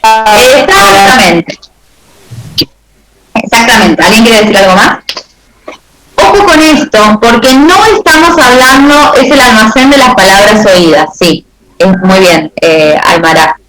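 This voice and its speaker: Una profesora con acento argentino da una clase y a cada rato verifica con "¿sí?" que sus alumnos entiendan. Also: female voice, a little high, lively intonation, measured pace, pauses often, reverberant, noisy background. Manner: checks understanding with frequent "¿sí?". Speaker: teacher. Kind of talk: class lecture with questions to students.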